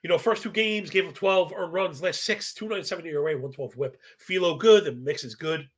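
A man's voice: a little high, normal speed. A man hosting a live sports betting stream, giving casual, stat-heavy commentary in slangy, professorial talk and often checking in with a tagged "right?". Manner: slangy, asks "right?" as a constant tag; self-described professorial, rattles off statistics.

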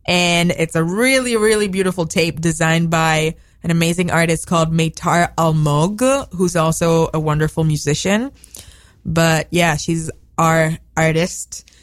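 A woman musician from Israel with an Israeli accent, chatting as a guest on a radio show, bubbly and quick to laugh. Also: low voice, fairly even intonation. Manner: bubbly, laughing, rapid asides. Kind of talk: casual interview chat. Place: radio studio.

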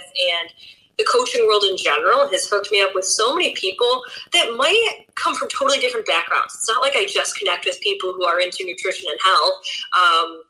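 A woman's voice: medium pitch, bright, forceful tone, low-quality recording. A woman in her twenties, a health coach guest on a podcast, chatting casually and upbeat with frequent fillers. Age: 20s.

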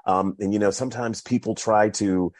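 A very deep-voiced man from North Carolina, an author speaking in a casual interview. He sounds relaxed, laughs easily and doubles his words when he wants to stress a point. The sound is dry and close. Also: normal speed, dry recording.

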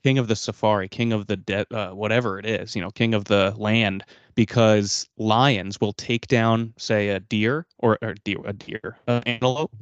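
Low-voiced rambling man. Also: steady tone, normal speed, hardly any pauses, no room sound. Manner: rambling, searching for words. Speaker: podcast co-host. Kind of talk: casual chat. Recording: dull dry lo-fi sound.

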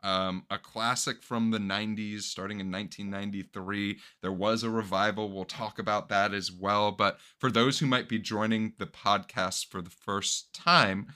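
Upbeat male podcast host, bright tone. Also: lowish voice, steady tone, moderate pace, hardly any pauses, clean tone. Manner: upbeat, joking, leads the conversation. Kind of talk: casual podcast chat.

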